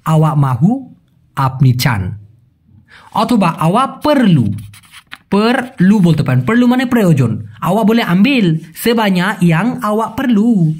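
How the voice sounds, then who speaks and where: A man's voice: sits high, darkish tone, breathy edge. A man teaching a language in a casual video lesson, patiently explaining and repeating key terms and quizzing his viewers.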